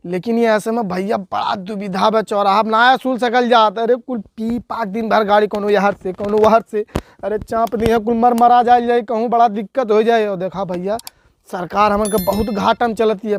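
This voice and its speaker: A man's voice: sits high, little pitch movement, normal speed, slight background noise. A man playing a harried, plaintive policeman who pleads and grumbles in a comedy sketch, with an eastern Uttar Pradesh Bhojpuri accent. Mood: pleading. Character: plaintive, harried policeman begging villagers for handouts.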